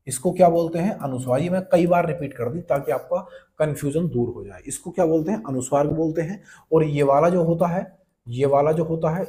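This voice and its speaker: A man's voice: on the high side, warm tone. A young man teaching a Hindi grammar class online, repeating each key term and quizzing the viewer as brother and friend. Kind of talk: online exam-prep class.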